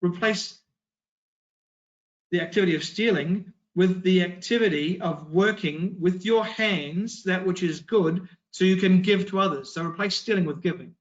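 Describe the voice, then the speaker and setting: A man's voice: high-pitched, normal speed. A man giving a Bible study talk, emphatic and fond of rhetorical questions. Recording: dull lo-fi recording.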